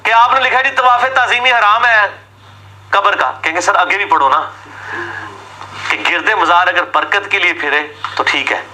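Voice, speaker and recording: A man's voice: high voice, pushed and bright, slight background noise, rough recording. A man giving an argumentative religious talk, asking sarcastic rhetorical questions and mimicking his opponents. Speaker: religious lecturer.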